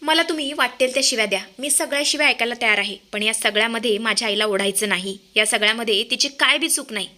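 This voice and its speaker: A woman's voice: fairly high pitch, fast, few pauses, sharp tone. A woman voicing a hurt but proud young village girl standing up to her lover's mother in a narrated TV-serial recap. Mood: firm. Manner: firm, rustic speech.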